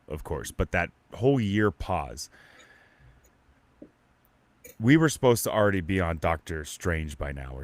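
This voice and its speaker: A low-voiced man hosts a casual live podcast stream, rambling in a stop-start way full of restarts and fillers. There's no echo on the recording.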